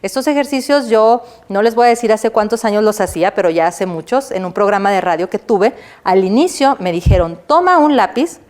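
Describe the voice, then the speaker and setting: A woman's voice: medium pitch, a little fast, darkish tone. Woman from Mexico, university lecturer, teaching a class, asks and answers her own questions, adds "sí?" checks. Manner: checks in with the listener by adding "¿sí?"; demonstrates walking and a pencil exercise while she talks.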